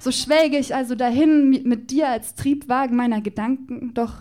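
High-voiced woman performing spoken word. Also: fairly even intonation, moderate pace, darkish tone. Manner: playful, rhythmic, mock-passionate delivery. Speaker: poetry slam performer.

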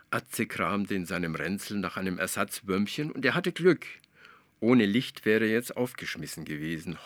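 A man reading his own children's story aloud in a soft, hushed narration. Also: lowish voice, dry recording.

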